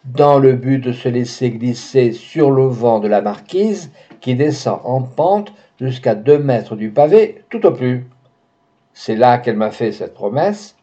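A man voicing a talkative young female maid in her twenties, quick to explain herself and shrill with fear when threatened, on a dull lo-fi recording. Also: lively intonation, dark tone, lightly acted. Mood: urgent. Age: 20s. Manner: chatty, insistent, shrill when frightened.

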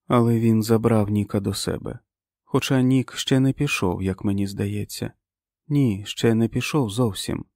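Guy doing a really old prophet lady, slow and solemn, raised voice, dry sound. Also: mid-range voice, warm tone, no room sound, pitched above the performer's own voice, lightly acted. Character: ancient frail prophetic old woman. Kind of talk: audiobook character voice.

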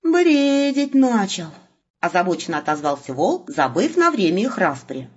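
A woman narrating an audiobook with a lively, ironic storytelling manner. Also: low-pitched, brisk, husky. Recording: muffled lo-fi recording.

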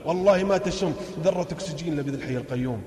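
A man preaching a fervent sermon, switching between loud exhortation and hushed warnings and chanting verses, recorded in a large hall or mosque. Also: a little high, racing. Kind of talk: impassioned sermon. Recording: echoey hall, long reverb.

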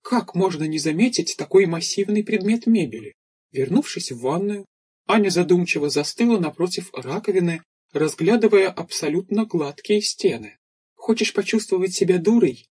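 A man narrates an audiobook from a script in a steady, measured way. His voice is husky and breathy, pitched somewhat high for a man.

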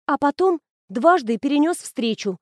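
A woman's voice: high-pitched, moderate pace, dry recording, clean studio sound, voice pushed up. A woman reading the lines of a shy, smitten young woman student in an audiobook. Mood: flustered. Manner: bashful, flustered, excited.

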